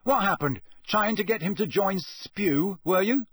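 Guy doing sulky teen lad in an audiobook, sneery and accusing, bit husky, very animated. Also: sits high, unhurried, dry recording, studio quality, pitched above the performer's own voice, exaggerated voice. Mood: nasty, suspicious. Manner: scathing, accusatory, blurting. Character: sulky, jealous, sneering teenage boy.

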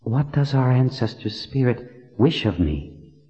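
A man's voice: medium pitch, expressive, unhurried, mellow, big-room sound, lo-fi sound, pitched above the performer's own voice, natural voice. A man voicing an earnest young woman who presses with urgent, incredulous questions. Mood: astonished.

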